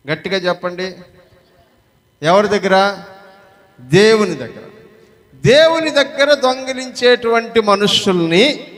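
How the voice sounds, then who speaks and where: A man preaching as a pastor, asking the congregation questions, pressing for loud replies and slowing down on key words. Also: very high voice. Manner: slows down to stress key words. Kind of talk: sermon. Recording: long hall reverb.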